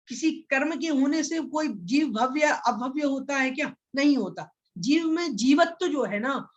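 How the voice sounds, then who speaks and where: A man teaching a scripture lesson, asking questions and answering them himself, and chanting verses slowly. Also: extremely high pitch, fairly bright tone, dull audio. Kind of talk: explanatory lesson.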